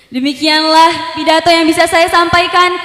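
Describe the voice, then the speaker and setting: A young woman giving a formal religious speech, slow and measured in her delivery. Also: very high voice, level tone, bright, forceful tone. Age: young adult. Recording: echoey hall with music behind.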